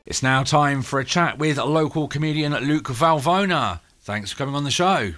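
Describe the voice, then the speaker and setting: Croaky, hoarse British male radio host. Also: on the high side, moderate pace, fairly bright tone. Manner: jokey, informal banter. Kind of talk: casual interview chat.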